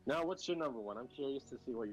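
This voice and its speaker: A man's voice: medium pitch, animated, quick pace, highs cut off, faint music behind. A man chatting casually about video games as co-host, rambling with many fillers and restarts. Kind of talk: casual gaming chat.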